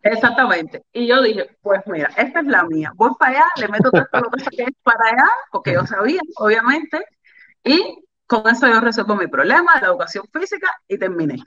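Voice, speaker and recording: A woman with a Cuban Spanish accent, a volleyball player telling her life story as an interview guest, candid and animated, repeating phrases for emphasis. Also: fairly high pitch, a little fast, muffled recording. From Cuba.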